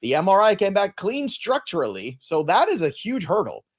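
A man's voice: high voice, wildly swooping pitch, normal speed. A man co-hosting a fantasy baseball podcast, talking in a conversational, analytical and joking way. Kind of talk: casual chat.

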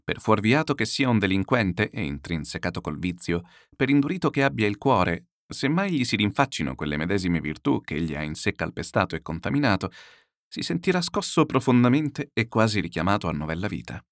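A man voicing a calm, pious older man who admonishes gently, slow and grave. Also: on the low side, no room sound, clean studio sound. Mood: grave gentle. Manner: slow, grave, quietly reproachful.

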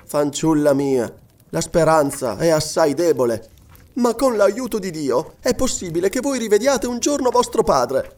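A man voicing a gentle noble lady who speaks in a calm, measured, reassuring way, in an audiobook. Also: a little high, pitched above the performer's own voice. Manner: measured, soothing. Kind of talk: audiobook reading.

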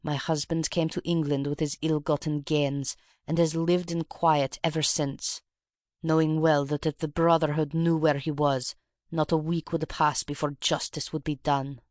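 A reader voicing a proud, guilt-ridden Russian woman revolutionary, who speaks gravely and with dignity in a confession. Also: mid-range voice, little pitch movement, normal speed, a little mellow, no room sound, clean studio sound, lightly acted. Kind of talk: audiobook reading.

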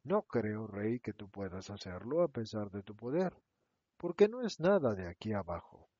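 A man voicing a poor, gentle orphan boy who speaks softly and pleadingly. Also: on the low side, big pitch swings, normal speed, dry recording. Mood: earnest. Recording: dull, dry lo-fi recording.

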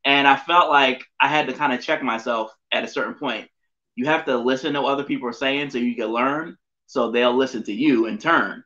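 This middle-aged podcast guest has a bright, forceful mid-range voice and talks fairly quickly. The casual interview chat is recorded in dull lo-fi quality, and his talk wanders with many fillers, restarts and self-corrections.

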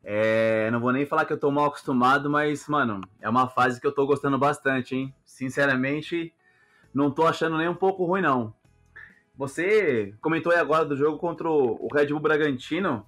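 A man's voice: a little high, moderate pace, a bit bright, soft background music. A Brazilian man co-hosting a football podcast in casual, slangy chat.

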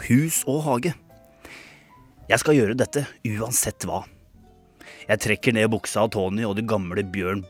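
A man co-hosting a radio comedy show, reading a saucy short story aloud in a dry, deadpan way. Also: fairly low pitch. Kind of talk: comic dramatic reading.

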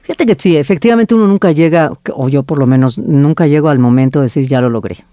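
A woman's voice: low voice, fast, dark tone, dry recording. A middle-aged woman, an agency founder recounting her story as an interview guest, quoting herself and others in dialogue.

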